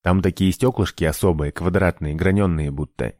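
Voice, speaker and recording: A man's voice: sits low, moderate pace, darkish tone, no echo, studio quality, natural voice. A man voicing a sullen male trapper in an audiobook, gloomy and curt. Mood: brusque. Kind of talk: audiobook character voice.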